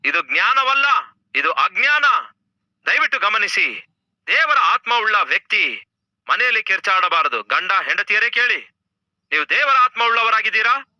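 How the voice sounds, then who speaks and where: A man with a Kannada accent preaching a sermon emphatically, firing rhetorical questions and dropping suddenly to a low voice. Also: very animated, moderate pace, pauses often, bright, forceful tone, no echo, highs cut off. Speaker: pastor.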